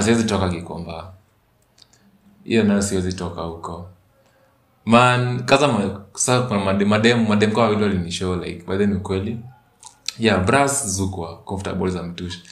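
Low-voiced Kenyan man hosting a podcast. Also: a little fast. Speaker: podcast and radio host. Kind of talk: casual chat mixing English and Swahili slang. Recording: roomy echo.

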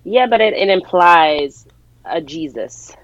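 A woman's voice: on the low side, lively intonation, slow pace, no room sound, dull audio. A woman chatting casually as a podcast co-host, slangy and playfully argumentative, speaking while sick. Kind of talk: casual chat.

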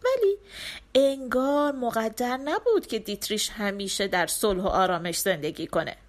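A woman's voice: fairly high pitch, lively intonation. A woman storyteller narrating a folk tale in a scripted, dramatic reading.

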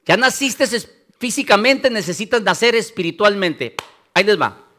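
A male pastor preaches with a high voice that swings widely up and down. He acts out listeners' doubts in quick asides. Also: lively intonation, sharp tone. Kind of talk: sermon.

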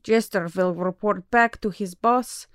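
Shapeshifter pack leader, audio drama, actress, clean smooth voice, unhurried, confident, teasing, close dry sound. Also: female voice, medium pitch, no room sound, close to an everyday voice. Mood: brisk concern. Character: cool, shrewd female shapeshifter pack leader.

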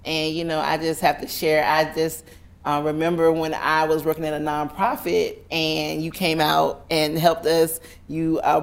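A woman hosting an interview show, upbeat and encouraging, often chiming in with agreement. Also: low-pitched. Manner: enthusiastic, affirming interjections. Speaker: host. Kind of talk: casual interview.

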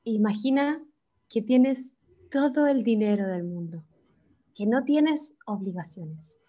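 Brief: hushed, slow hypnotic guide, a Chilean woman putting it on, mock meditation, quiet and drawn out. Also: on the high side, expressive. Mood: coaxing. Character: soft hypnotic woman guiding a daydream.

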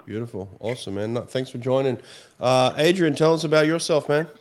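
A man's voice: medium pitch, steady tone, fairly quick. A man hosting a casual live stream, chatting with callers in an upbeat, laid-back way. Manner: laid-back, upbeat, calls guests champ and mate. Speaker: host.

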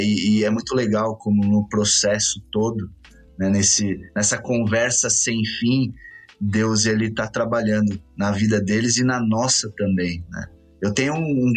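A Brazilian man co-hosting a faith podcast, reflecting in a measured way and often adding "né". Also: on the low side. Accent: Brazilian Portuguese. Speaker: podcast co-host.

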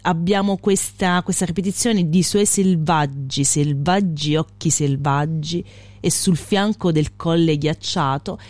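A speaker leading a casual literary talk, thinking aloud with pauses and fillers, then reading a poem aloud. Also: mid-range voice, a little mellow, no room sound. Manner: thoughtful, searching for words with fillers. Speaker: co-host leading a poetry discussion.

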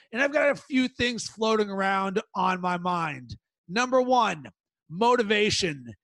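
A man with a strikingly high voice hosts a sports betting show on his own. He talks in an emphatic, punchy way and leans on stretched words. The sound is dry and close. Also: fairly bright tone, dry recording, low-quality recording. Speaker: podcast host. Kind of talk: sports betting podcast monologue.

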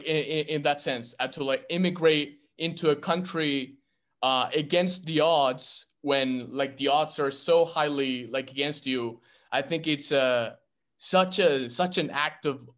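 A young man from Argentina talking casually in a group discussion, halting with lots of fillers and restarts. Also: mid-range voice, fairly bright tone. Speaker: actor in a script reading.

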